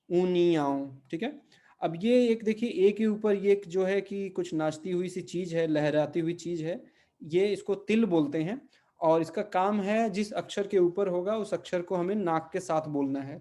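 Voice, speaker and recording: A man teaching a Portuguese pronunciation lesson, repeating each word slowly and checking in with his listeners. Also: high-pitched, dark tone. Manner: patient, repeats words slowly and checks with "ठीक है?". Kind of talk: spoken language lesson.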